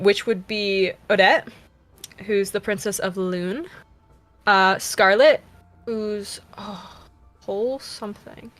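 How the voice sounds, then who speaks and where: Animated, eager woman co-host with a mid-range voice over faint music. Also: medium pitch. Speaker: podcast co-host. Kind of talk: casual book chat.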